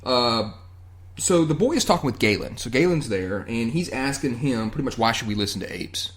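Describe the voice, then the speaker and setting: A male podcast host talks through an episode recap in a relaxed, chatty way. His speech is loose and profane, padded with ums and uhs. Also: medium pitch, normal speed. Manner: loose and profane, many fillers. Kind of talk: casual chat, recapping a TV episode.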